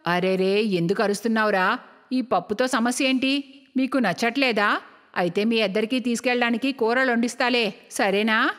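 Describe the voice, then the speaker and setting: A woman's voice: a little high, moderate pace, fairly bright tone, in a large hall, voice pushed down, close to an everyday voice. A woman voicing a stingy, bossy middle-aged mother-in-law who scolds and mocks in a cartoon story. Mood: scolding. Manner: scolding, sarcastic.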